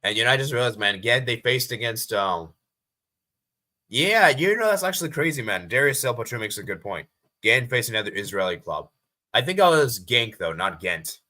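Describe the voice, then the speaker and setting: A casual American live-streamer with a deep voice and a bright, forceful edge. He rambles loosely, repeats his phrases and reads viewer comments aloud as he goes. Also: expressive, brisk. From USA.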